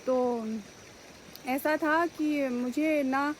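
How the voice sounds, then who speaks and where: A woman's voice: high voice, fairly even intonation, drawn-out words, a little hiss or hum, rough recording. A young woman answering viewer questions in a casual vlog, earnest and grateful as she reflects. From India. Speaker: village head and vlogger.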